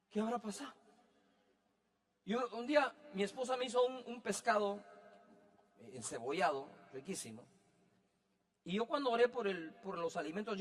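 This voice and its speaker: A male pastor delivering a sermon in a high, ringing voice with a bright, forceful edge. He keeps it chatty and humorous, stopping again and again to check that his listeners follow along. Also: in a large hall. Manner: conversational, joking, keeps asking if he is understood.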